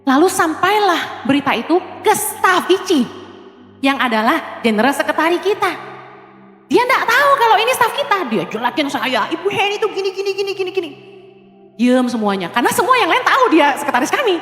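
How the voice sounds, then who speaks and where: High-voiced woman preacher in an echoey hall. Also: big pitch swings, brisk. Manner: conversational, mixes in English phrases, swings from loud calls to low asides. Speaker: pastor. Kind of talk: lively sermon from the pulpit. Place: church stage before a congregation.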